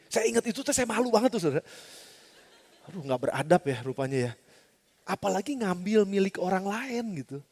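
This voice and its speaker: Brief: lively male pastor, high-pitched and animated, preaching a storytelling sermon in a large, reverberant church hall. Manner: lively storytelling with rhetorical questions.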